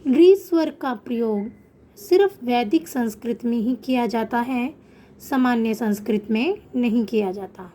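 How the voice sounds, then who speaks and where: A woman teaching an online Sanskrit class to children, explaining patiently and slowing down to pronounce example words. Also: a little high, dark tone, a little hiss or hum.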